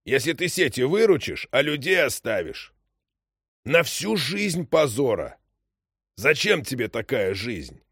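A man's voice: medium pitch, big pitch swings, a little slow, gravelly, a bit bright, breathy edge, no room sound, studio quality, voice pushed up, heavily acted. A man voicing an old ship's engineer who is stubborn and moral, scolding in a raised voice. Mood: insistent.

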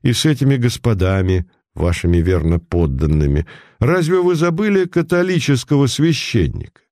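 A man voicing an unflappable police detective, calm and sarcastic, speaking in a measured way, in a dry recording. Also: medium pitch, no echo, natural voice. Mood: cool.

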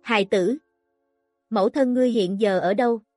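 A woman's voice: fairly high pitch, moderate pace, darkish tone, no room sound, studio quality, faint music behind, close to an everyday voice. A woman voicing a blind, broken old male prisoner who speaks with sorrow and regret. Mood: grieving. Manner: sorrowful, sighing.

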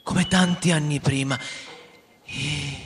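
A male narrator with a high voice tells a children's story in a slow, measured storytelling manner for radio. His reading rings with a long reverb over a faint hiss. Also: steady tone, a bit bright.

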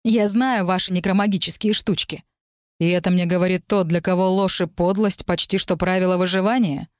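A woman's voice: fairly low pitch, steady tone, brisk, dry recording, clean studio sound, lightly acted. A woman voicing a hot-tempered young male mage. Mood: angry, sneering. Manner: snapping, heated, raised tone. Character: furious young male mage, jealous rival.

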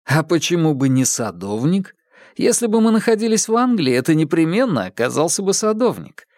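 A man playing a calm, ironic young male detective with a dry, teasing, unhurried manner in an audiobook. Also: a little high, dry recording, voice pushed up. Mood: wry.

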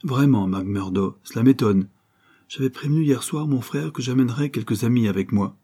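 A man voicing an uneasy, fussy gentleman who speaks nervously and with perplexity, in an audiobook reading. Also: mid-range voice, normal speed, husky. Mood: indignant. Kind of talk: audiobook character voice.

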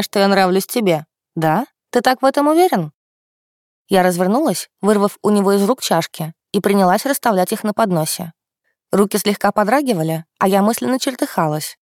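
A woman reading a novel aloud in the first person, in a smooth, even storytelling manner. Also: medium pitch, dry recording, clean studio sound. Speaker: audiobook narrator. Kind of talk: first-person audiobook narration.

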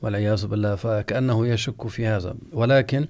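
A man, an Islamic scholar, giving a religious lesson and explaining rulings slowly and deliberately, drawing out example words as he pronounces them. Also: on the low side, steady tone, a little mellow. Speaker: Islamic scholar teaching jurisprudence. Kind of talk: religious lesson, question-and-answer.

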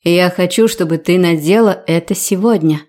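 A woman voicing a proud, tender king in a storybook reading, speaking calmly and with weight. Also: on the low side, moderate pace, close to an everyday voice. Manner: calm, weighty, teasing. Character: proud tender young-looking male king.

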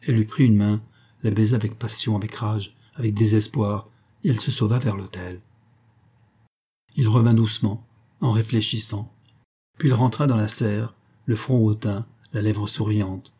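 A man reads a classic novel aloud in a steady, measured storytelling manner. His voice sits low, dark and mellow. It carries a slight husk. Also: husky. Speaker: audiobook narrator. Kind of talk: literary audiobook reading.

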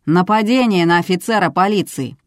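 A woman reading the part of a gruff, rude older male police duty officer who shouts and drawls his words. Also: on the low side, no echo, clean studio sound, lightly acted. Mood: yelling. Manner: boorish, shouting, slow drawl.

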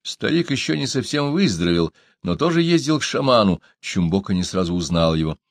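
A man narrating a novel in a dramatic, expressive reading. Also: lowish voice, fairly quick, no echo. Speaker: audiobook narrator. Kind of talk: scripted narration.

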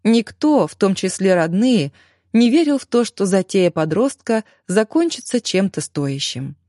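A woman reads a novel aloud in a lively storytelling way, lifting her voice on key words. Her pitch sits in the middle range. The recording is dry and close. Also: unhurried, no echo. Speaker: audiobook narrator. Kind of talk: scripted narration.

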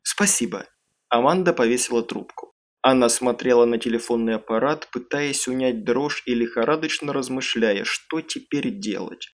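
A man reads a suspense novel aloud in a calm, measured storytelling voice. His pitch sits in the middle range for a man. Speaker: audiobook reader. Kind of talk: audiobook narration.

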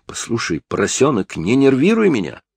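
A man with a low, gravelly voice voicing a brash, insolent teenage boy under police questioning who mocks in rude slang. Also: wildly swooping pitch, moderate pace, no room sound, clean studio sound, heavily acted.

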